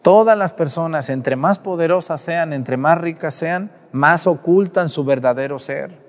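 Priest, sermon, blunt and scolding, slightly high voice, church reverb trailing. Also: male voice. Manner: direct, scolding, rhetorical questions to the congregation. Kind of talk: sermon at mass.

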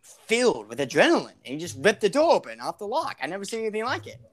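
A young man co-hosting a podcast, telling a story in a dramatic, deadpan way. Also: sits high, quick pace. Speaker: podcast co-host. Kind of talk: casual storytelling.

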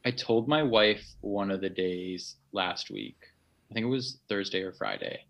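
Male podcast co-host, rambling conversational storyteller, mid pitch, slightly muffled mic. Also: unhurried. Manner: rambling, self-interrupting storyteller. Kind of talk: casual conversation. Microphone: remote podcast mic.

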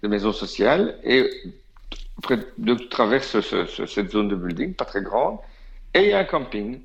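Belgian man, Belgian French accent, low gravelly voice, chatty radio guest, slightly dull sound. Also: normal speed. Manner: chatty, animated, many fillers and asides. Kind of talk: casual anecdote telling.

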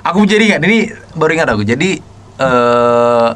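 A man's voice: mid-range voice, normal speed. A man chatting casually as a podcast co-host, telling stories and acting out the voices in them. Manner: animated storyteller, acts out quoted voices. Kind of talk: casual chat.

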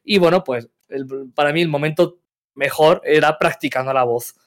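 Guy telling a story, animated, swears a lot, slightly high voice. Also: moderate pace. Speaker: guest, tabletop game player. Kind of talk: casual interview chat.

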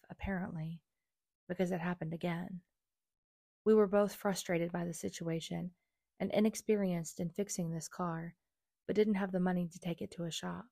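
A woman's voice: fairly low pitch, gravelly, darkish tone, no echo, studio quality. A young adult woman reading her personal memoir aloud in an earnest, confessional way. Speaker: memoir narrator.

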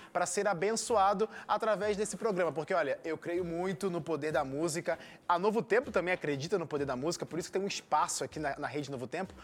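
A man with a Carioca accent from Rio, presenting a music show in a conversational style. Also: on the high side. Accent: Carioca Brazilian Portuguese. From Rio de Janeiro, Brazil.

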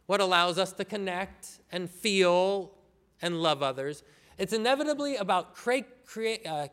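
A man preaching a sermon as pastor, earnest and measured with pauses. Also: high-pitched, fairly bright tone, clean tone, long reverb tail. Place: church sanctuary.

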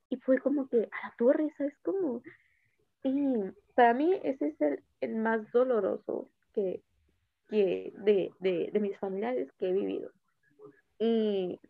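A young woman with a Mexican accent speaks haltingly about a personal loss and often stops to search for words. Her voice sits a little high and has a strong gravelly fry. The sound is narrow and tinny, as if it were heard over a phone line. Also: no echo. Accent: Mexican Spanish. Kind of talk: personal storytelling about grief.

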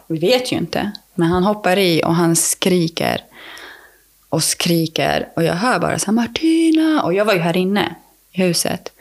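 A woman speaks as a podcast guest with a somewhat low voice and a gravelly, fry-laden texture. She tells her story in loose, conversational talk. She restarts her sentences and leans on fillers as she goes.

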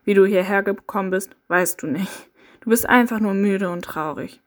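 A woman's voice: medium pitch, normal speed. A woman narrating a dramatic second-person interactive audio story.

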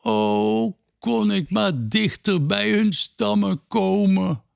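A man voicing a gentle giant male scarecrow in a storybook, high and pleading. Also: slow pace, gravelly, faint music behind, full character voice.

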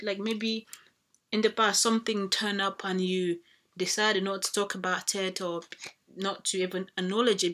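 A woman's voice: medium pitch, fairly bright tone, slight background noise. A woman giving a casual tarot reading to viewers, thinking aloud and rambling with fillers and restarts as she draws cards. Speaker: tarot reader.

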